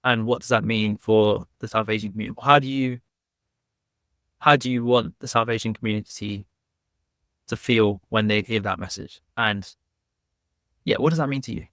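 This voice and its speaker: Easygoing male podcast host, low voice. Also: fairly even intonation, normal speed, pauses often, fairly bright tone, dry recording, studio quality. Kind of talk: podcast interview.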